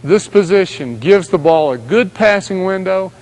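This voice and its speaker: A man giving scripted instructional narration as a basketball coach, speaking in steady, direct commands. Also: high-pitched, normal speed, rough recording.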